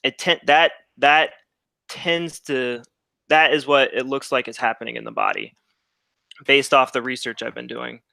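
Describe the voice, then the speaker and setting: A man in a casual debate, heard over a video call, explaining in a halting way and repeating his words. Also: medium pitch, sing-song, creaky, pushed and bright, no room sound. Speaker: debate participant.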